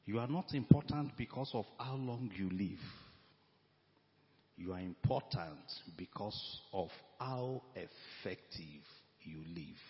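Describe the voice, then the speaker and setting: A man preaching a sermon to his church, slow and emphatic, repeating his key phrases. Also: lowish voice. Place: church hall. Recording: echoey hall, dull lo-fi sound.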